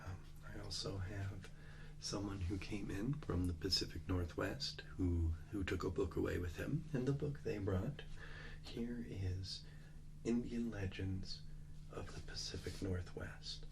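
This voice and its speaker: A man with a very low, gravelly voice speaks in a hushed, ASMR role-play as a librarian. His delivery is slow and halting, with an unhurried, gentle explaining manner. There is clear noise and ambience behind him. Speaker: ASMR host playing a librarian who shows old books to a visitor. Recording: noticeable background noise and ambience.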